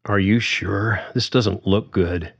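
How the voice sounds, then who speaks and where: An easygoing young man who plays in a band, speaking calmly and trying to settle things down , as a man puts him on. The voice sits a bit above the narrator's low tone, and the audio is slightly dull. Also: slow pace. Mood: placating. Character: easygoing young male band musician, calm.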